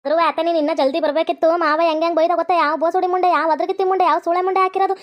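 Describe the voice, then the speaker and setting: A woman voicing a feisty, foul-mouthed young daughter-in-law in a cartoon, with a North Karnataka accent and a sharp, scolding manner. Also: extremely high pitch, steady tone, very fast, muffled recording. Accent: North Karnataka Kannada.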